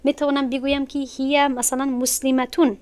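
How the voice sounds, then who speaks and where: A woman with a Tajik-accented Persian teaching an Arabic grammar lesson online, explaining patiently step by step and repeating words slowly. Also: high-pitched, little pitch movement, darkish tone.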